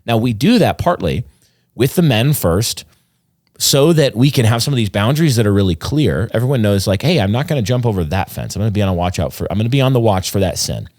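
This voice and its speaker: A man's voice: fairly low pitch, lively intonation, brisk, darkish tone, no echo, studio quality. A man, a pastor and podcast co-host, explaining his views in an earnest, rambling conversational way with frequent restarts. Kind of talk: casual conversational podcast chat.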